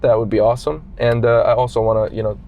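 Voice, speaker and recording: A man's voice: medium pitch, fast talker, vocal fry, highs cut off, a little hiss or hum. Laid-back man rambling in a car. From Qatar. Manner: relaxed, rambling with many fillers. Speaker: guest. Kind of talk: casual chat.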